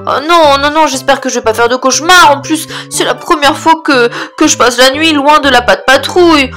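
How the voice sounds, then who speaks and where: A woman voicing a polite, timid young male cartoon puppy with hesitant, drawn-out words. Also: high voice, pushed and bright, faint music behind. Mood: anxious. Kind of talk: cartoon toy-play story.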